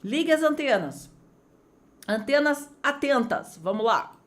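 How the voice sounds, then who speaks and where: A Brazilian woman teaches English online, her fairly high voice moving at a measured pace. Energetic and talkative, she addresses her students directly, with her pitch swinging widely from one phrase to the next.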